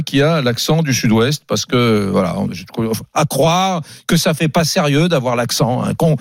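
A man's voice: on the high side, no echo. Chatty male radio host, dry studio sound. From South of France. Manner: chatty, with many fillers and restarts. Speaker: radio talk show host. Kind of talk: casual radio talk. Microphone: studio microphone.

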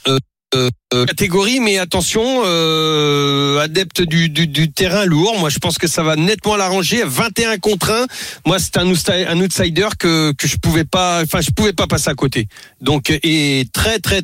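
A man giving horse-racing tips on a live radio panel, halting and repeating words as he thinks aloud. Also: fairly high pitch, fairly bright tone, dry recording, studio quality. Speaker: racing pundit. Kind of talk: tipster chat on live radio. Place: radio studio.

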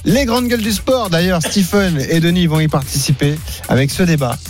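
A man hosting a radio sports betting show, brisk and jokey with his panel. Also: fairly high pitch, music in the background.

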